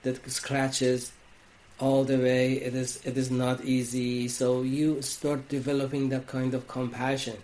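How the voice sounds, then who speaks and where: A man from Iran with an Iranian accent, a wellness coach speaking as a podcast guest, talking in a slow, reflective way with frequent restarts. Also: mid-range voice, monotone, darkish tone. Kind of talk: reflective interview talk.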